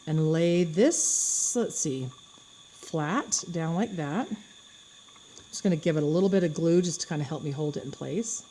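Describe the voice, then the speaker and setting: A woman's voice: fairly low pitch, mellow, a little hiss or hum. A woman giving a step-by-step craft demonstration, chatting and thinking aloud as she works with her hands. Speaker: craft instructor.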